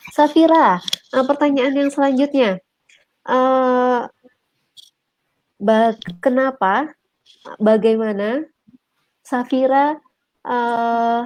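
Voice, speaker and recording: A woman's voice: on the high side, takes it slowly, long pauses, darkish tone, rough recording. A woman with an Indonesian accent hosting an online interview, repeating and simplifying words for language learners. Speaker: host, interviewer. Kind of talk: online talk show interview.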